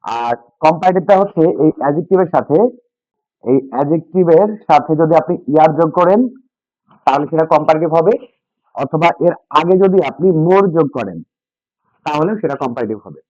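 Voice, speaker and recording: A man's voice: fairly high pitch, lively intonation, a little fast, a little mellow, no echo. A man teaching English grammar to a class, repeating key points and asking students questions. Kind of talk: classroom lesson with call-and-response. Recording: dull, dry lo-fi sound.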